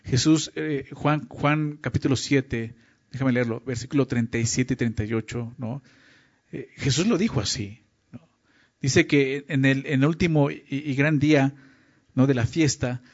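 Preaching man, dull lo-fi sound. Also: mid-range voice. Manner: teaching, frequent checking questions to listeners. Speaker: pastor. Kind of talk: sermon. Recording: dull lo-fi recording.

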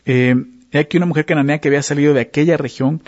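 Male Bible teacher, dark gravelly tone, conversational sermon delivery, muffled lo-fi sound. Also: a little high, fairly even intonation, rapid-fire. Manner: conversational, asks listeners to follow along. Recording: dull lo-fi recording.

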